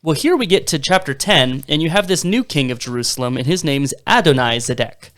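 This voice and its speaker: A man's voice: fairly high pitch, lively intonation, a little fast, a bit bright. A young man in his twenties co-hosting a casual Bible discussion podcast, telling the story eagerly with some fillers. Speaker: podcast co-host.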